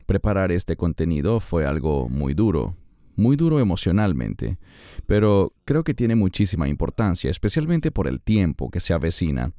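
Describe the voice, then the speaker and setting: A man hosting a Bible discussion, speaking in an earnest, measured way. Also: sits low, warm tone, no echo, clean studio sound. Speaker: host.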